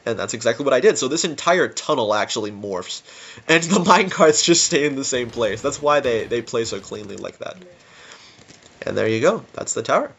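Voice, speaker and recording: Talking fairly quickly and expressively, a man with a medium-pitched, gravelly, husky, slightly bright voice rambles casually about a game level he made. The sound is lo-fi, with game music in the background of this unscripted gameplay commentary.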